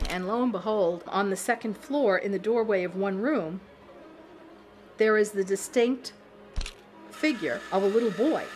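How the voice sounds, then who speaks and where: Woman recalling events for a documentary, mid pitch, faint music beneath. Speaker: documentary interviewee. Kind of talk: interview recollection.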